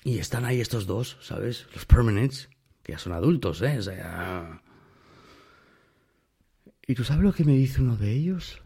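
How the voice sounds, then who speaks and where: A man's voice: medium pitch, lively intonation, a little slow, long pauses, warm tone, slightly rough. A man telling a personal story in a casual monologue, emphatic and speaking straight to the listener. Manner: emphatic, addresses the listener directly.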